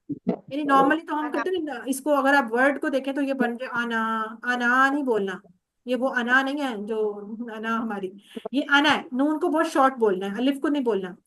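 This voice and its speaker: A woman's voice: high-pitched, a bit bright. A woman teaching an online Arabic class, patiently repeating each word over a video call.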